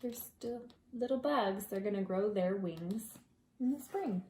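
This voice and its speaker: A preschool teacher reads aloud to her class, gentle, expressive and deliberate, drawing out words and adding conversational asides. Her voice is mid-range, and the sound is roomy.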